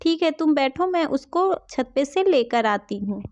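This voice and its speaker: A woman voicing a calm elder sister figure in a doll story, scolding and reassuring. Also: high-pitched, a little slow.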